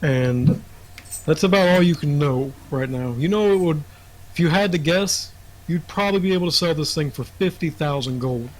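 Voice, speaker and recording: A young man running a tabletop game, telling the scene in a loose, conversational way. His voice sits a little high, and he pads his narration with fillers. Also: normal speed, darkish tone, low-quality recording. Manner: casual, filler-heavy storytelling. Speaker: dungeon master.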